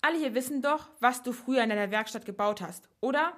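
A woman voicing a calm, clever young man who lays out his reasoning step by step. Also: a little high, quick pace. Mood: accusing.

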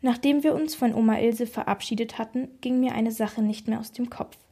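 A woman narrates a children's detective story with lively, expressive delivery. Her voice sits on the higher side and carries a soft, breathy edge. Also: brisk. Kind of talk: audiobook reading for children.

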